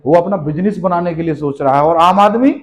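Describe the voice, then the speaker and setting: In a seminar hall before a live audience, a motivational business speaker with a slightly high, fairly quick voice fires rhetorical questions and hammers his points home. He sounds emphatic and scolding, repeating key phrases, though the audio quality is poor.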